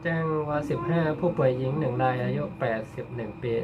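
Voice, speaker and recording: A man's voice: mid-range voice, quick pace, highs cut off, noisy background. A man working as an emergency radio dispatcher, repeating coded messages back in a procedural way.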